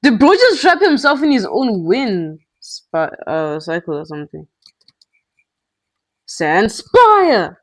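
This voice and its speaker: A male gaming channel host giving excitable, slangy live gameplay commentary with quick outbursts. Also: high voice, dry recording.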